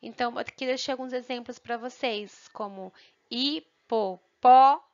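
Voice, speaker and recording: Woman teacher, higher voice, recorded lesson on lo-fi audio, keeps asking "tá?". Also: steady tone. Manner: patient, checks in with "tá?" and "tá bom?"; sounds out syllables slowly and clearly. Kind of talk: recorded online grammar lesson. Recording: muffled lo-fi audio.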